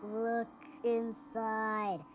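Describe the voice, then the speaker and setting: A man voicing a creepy, deranged man in a bunny suit who calls out in a slow, muffled, taunting sing-song. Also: high-pitched, completely flat delivery, over music, voice pushed up.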